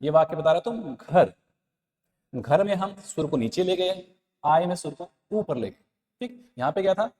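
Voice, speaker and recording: A man's voice: a little high, expressive, normal speed, darkish tone, long reverb tail. A man teaching an exam-prep lesson, repeating key points and quizzing listeners with rhetorical questions. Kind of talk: Hindi exam-prep lesson, explaining answers.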